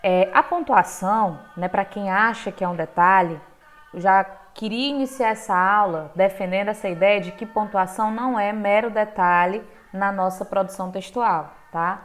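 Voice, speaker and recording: A Brazilian woman teaching a grammar class in a relaxed, talky way, with a voice of middling pitch. She keeps tossing "right?" at her students and jumps up in pitch and volume when she stresses a point. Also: moderate pace. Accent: Brazilian Portuguese. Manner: conversational, checking in with frequent "right?" tags; emphatic, with sudden lifts in pitch and volume. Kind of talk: online grammar lesson.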